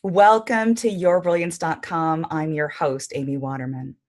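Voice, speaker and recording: A woman hosting an interview show, reading a measured introduction and asking questions. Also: low-pitched, steady tone, faint music behind. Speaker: podcast host.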